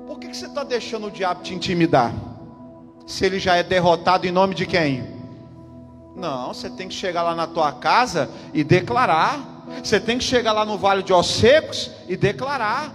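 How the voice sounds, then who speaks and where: A high-pitched Brazilian man preaches fervently, repeating his points and calling out to the congregation. The recording carries the long reverb of a church hall, with music playing clearly behind him. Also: expressive, normal speed, a bit bright. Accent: Brazilian Portuguese. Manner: emphatic, repeats lines, calls out to the congregation. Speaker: pastor. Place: church service.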